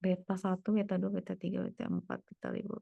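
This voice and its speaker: A woman's voice: fairly low pitch, wildly swooping pitch, fast, gravelly, dry recording, dull audio. A woman tutoring one student, working through problems aloud and murmuring each step as she goes. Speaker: private tutor.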